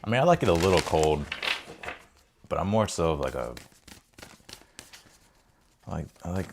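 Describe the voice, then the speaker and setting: His low voice has a sing-song lilt at a moderate pace, with noise behind it. Raised in Ohio and Texas, this American man runs a tarot livestream, chatting loosely, rambling, and repeating phrases as he reads cards.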